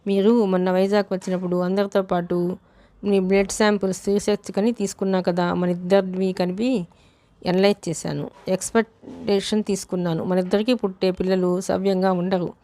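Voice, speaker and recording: A woman voicing a young woman who is a troubled, reserved researcher, speaking quietly and in a subdued way. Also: mid-range voice, flat delivery, moderate pace, dry recording, lightly acted. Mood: explaining.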